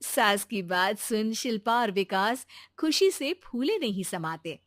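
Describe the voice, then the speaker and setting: A woman's voice: medium pitch, very animated, unhurried, heavy background noise. A woman narrating a scripted cartoon family story.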